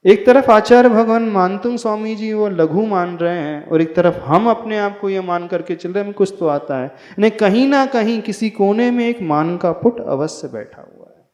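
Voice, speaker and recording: A man's voice: high voice, a little mellow. A man, a monk, giving a spiritual discourse and teaching recitation, chanting verses and correcting pronunciation. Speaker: Jain monk teaching a hymn. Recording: echoey hall, dull lo-fi sound.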